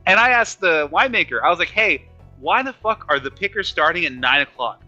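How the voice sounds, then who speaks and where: A young man with a very bright, cutting voice rattles through profane anecdotes, jumping up in pitch whenever he imitates someone. He sounds a little higher than most men. The recording is dull and lo-fi, with faint music underneath. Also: lively intonation, brisk. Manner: profane storytelling, mimics others with raised pitch. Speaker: podcast host. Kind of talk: casual chat.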